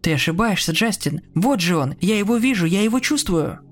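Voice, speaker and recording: A man playing a scared, bewildered man in a spoken horror story, halting and unsure. His voice rises a little above the narrator's usual tone. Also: high voice, expressive, pitched above the performer's own voice. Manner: hesitant and halting. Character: frightened, confused adult man.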